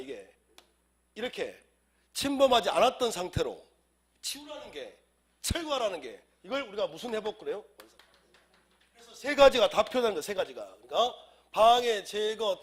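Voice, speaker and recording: A man's voice: sits high, fairly bright tone, breathy edge. A man lecturing on civil law for an exam class, who has a cold, drilling students in call-and-response and firing rhetorical questions.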